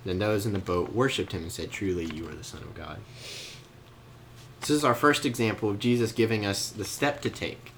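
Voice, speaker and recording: A man's voice: lowish voice, normal speed, slight background noise. A young man leading a casual Bible lesson, telling the story with jokes and laughs. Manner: joking, animated storytelling with laughs. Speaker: youth Bible study leader. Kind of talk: casual teaching.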